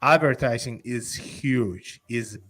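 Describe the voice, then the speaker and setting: A man's voice: mid-range voice, takes it slowly, a bit bright. A man from Honduras, an investor and company executive, talking eagerly and persuasively in a casual interview, often restarting his sentences.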